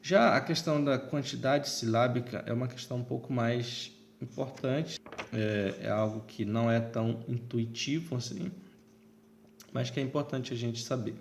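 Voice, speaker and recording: A man's voice: mid-range voice, steady tone, normal speed, gravelly, slight background noise. A man teaching Latin in a recorded online lesson, explaining step by step and checking in with listeners.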